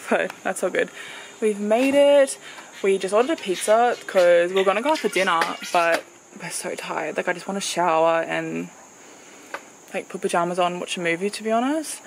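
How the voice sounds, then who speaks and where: Australian woman, twenties, casual vlog chat, creaky voice, handheld phone, noisy car background. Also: fairly low pitch. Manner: chatty, filler-heavy, says "like" often. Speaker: travel vlogger. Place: car and outdoors on a road trip. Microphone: handheld camera or phone. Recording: noisy with vehicle and outdoor sound.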